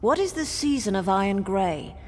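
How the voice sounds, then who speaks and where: An actress gives voice to a solemn, ancient female spirit guardian who ceremonially speaks cryptic riddles in a fantasy game. Her medium-pitched voice is animated and close to everyday speech, moving at a normal speed. This theatrical game dialogue carries a cavernous long reverb with background noise.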